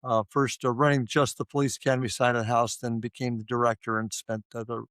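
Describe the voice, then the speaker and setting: A man's voice: mid-range voice, flat delivery, quick pace, a bit bright, dry recording. Older man from Ohio, chatty. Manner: rambling with many fillers and restarts. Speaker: guest, retired police officer. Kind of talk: casual interview conversation.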